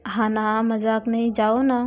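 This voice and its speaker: A woman's voice: a little high, flat delivery, measured pace, lightly acted. A woman voicing a shy young college woman who hesitates and stammers. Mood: flustered. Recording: dull lo-fi recording.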